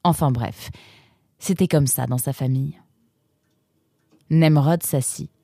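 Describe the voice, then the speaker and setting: A man narrating a children's storybook episode in a lively, expressive reading voice. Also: a little high, takes it slowly, creaky, dry recording, clean studio sound.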